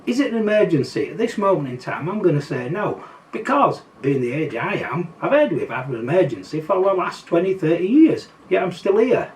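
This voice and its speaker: A man's voice: high voice, very animated, brisk, a little mellow. An older man with a Yorkshire accent talking casually to his viewers in a wry, skeptical way. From Yorkshire, England. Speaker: political commentary vlogger. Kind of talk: casual monologue to camera. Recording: slightly distant mic, faint background noise.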